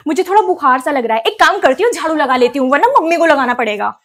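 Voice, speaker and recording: A woman's voice: animated, fast talker. A woman performing short comedy skits, switching between student, teacher and mother roles. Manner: high-pitched, switches between characters. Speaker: comedy sketch creator. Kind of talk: skit comedy playing several roles.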